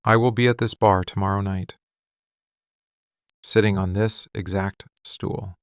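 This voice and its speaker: In an intimate boyfriend ASMR roleplay, a man voices a possessive, lovesick mafia boss with a low, gravelly tone. His short, deliberate phrases carry a weary intensity, staying almost on one note with fairly even intonation, and the mood is restrained and resolute. The studio recording is clean, with no echo.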